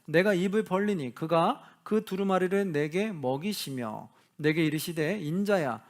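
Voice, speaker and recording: A male pastor giving a Bible study lecture, reading scripture slowly and asking the class questions that he answers himself. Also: on the high side, expressive. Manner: acts out quoted lines of imagined people.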